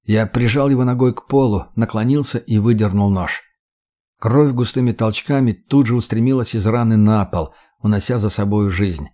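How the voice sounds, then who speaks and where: A man reading first-person action fiction in a steady, matter-of-fact way. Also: fairly low pitch, normal speed. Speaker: audiobook narrator.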